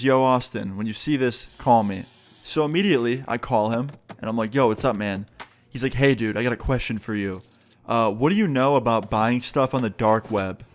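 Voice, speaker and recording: Young guy telling a storytime, chatty, swears a lot, does both sides of the convo. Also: mid-range voice. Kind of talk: casual storytime narration.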